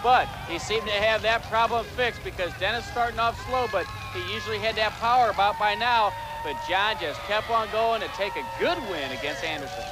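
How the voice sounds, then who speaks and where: Excitable high-voiced male color commentator. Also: brisk, hardly any pauses. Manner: excitable, folksy analysis. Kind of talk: sports commentary.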